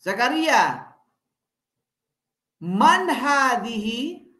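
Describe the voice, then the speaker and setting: A woman from the Philippines teaching her children at home, patiently quizzing them and drilling words slowly. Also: on the high side, very animated, fairly bright tone. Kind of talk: home language lesson. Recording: echoey room.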